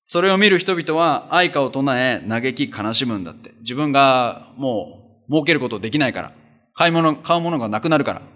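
A man's voice: mid-range voice, expressive, moderate pace, a bit bright. A man reading a Bible passage aloud verse by verse, then explaining it to his listeners in a plain, conversational sermon. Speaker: pastor.

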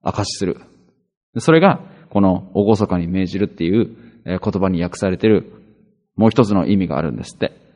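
A man's voice: deep voice, lively intonation, fairly quick, darkish tone, big-room sound. A man preaching a sermon as a pastor, in a conversational style with rhetorical questions and frequent hesitations.

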